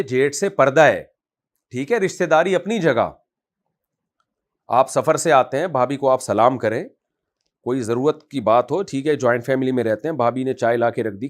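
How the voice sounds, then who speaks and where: A man, an Islamic scholar, answering a question in a conversational religious talk, scolding and forceful in manner. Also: mid-range voice.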